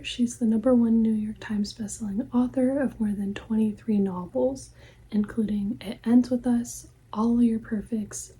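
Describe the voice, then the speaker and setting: A woman acts out a gentle, attentive librarian in an ASMR ASMR role-play. Her library soft voice is breathy, hushed and very mellow, set a little high. There is faint noise behind her as she politely helps a customer. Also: close to an everyday voice, rough recording. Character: helpful, polite female librarian recommending books to a customer.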